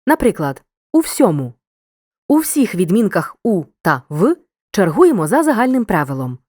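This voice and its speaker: A woman narrating a scripted grammar lesson in a clear, measured, instructive way. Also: mid-range voice, sing-song, a little mellow, no echo, studio quality.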